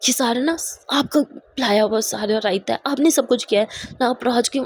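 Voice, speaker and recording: A woman's voice: fairly high pitch, moderate pace, natural voice. A woman voicing a fierce, anxious young woman who makes urgent, accusing demands, in a narrated audio story.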